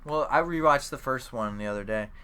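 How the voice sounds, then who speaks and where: A man's voice: mid-range voice, fairly quick, pushed and bright, smooth. Casual young man rambling about fights. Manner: rambling, filler-heavy, swears casually. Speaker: podcast co-host. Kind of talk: casual sports chat.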